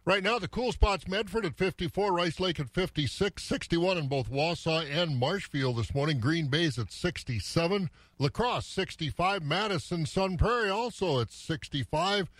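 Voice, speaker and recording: A man's voice: fairly high pitch, expressive, moderate pace, few pauses, fairly bright tone, no room sound. Folksy American man chatting on morning radio. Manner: folksy, rambling, musing aloud. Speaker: morning farm radio host. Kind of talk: casual radio chat and weather report. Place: dry radio studio.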